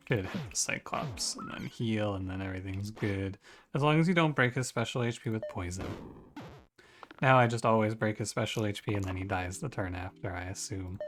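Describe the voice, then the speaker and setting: A man giving casual strategy game commentary, thinking aloud in a musing, conversational way and often correcting himself. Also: fairly low pitch. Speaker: gaming streamer.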